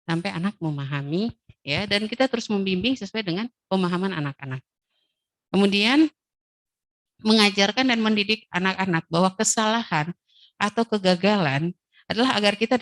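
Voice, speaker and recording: A woman talks mothers through parenting advice at a middle pitch, warm and conversational. She often drops into quick imitations of children and parents within her examples. The recording is dry and close, with no room around her. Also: animated, dry recording. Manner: acts out child and mother voices in quoted dialogues. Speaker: parenting webinar speaker.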